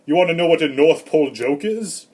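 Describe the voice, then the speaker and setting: A man playing a rambling, grumpy old Santa Claus in a comedic vlog monologue, with deadpan, self-important asides. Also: a little high, brisk, slightly rough. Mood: grumbling. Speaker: comedy vlogger.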